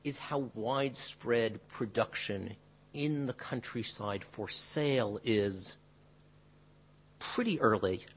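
A male history professor answering an audience question in a measured, qualifying way, often adding tag questions. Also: mid-range voice, a little hiss or hum. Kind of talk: academic lecture Q&A. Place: lecture room. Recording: dull lo-fi lecture recording.

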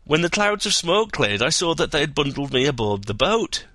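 A man voicing an excitable adult man who tells a wild tale in a breathless, rising voice. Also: a little high, moderate pace, no room sound, voice pushed up. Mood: excited.

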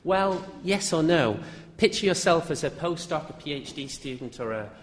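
A man's voice: on the high side, lively intonation, normal speed. A man, a university lecturer, giving an academic talk with frequent "uh" fillers as he lists examples. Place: lecture hall. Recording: echoey hall with long reverb.

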